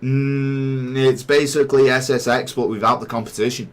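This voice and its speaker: A man's voice: medium pitch, flat delivery. A young British man hosting a podcast in casual chat, reading from the live chat and often restarting his sentences. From Britain. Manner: rambling, reads slowly with restarts. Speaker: podcast host.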